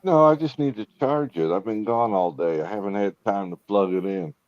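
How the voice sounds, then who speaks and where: A man's voice: lowish voice, moderate pace, darkish tone, no echo. A man chatting plainly as a panelist over a headset whose audio keeps cutting out. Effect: glitchy audio cutting out. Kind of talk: casual chat. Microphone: headset with low battery. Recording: dull lo-fi dry headset audio.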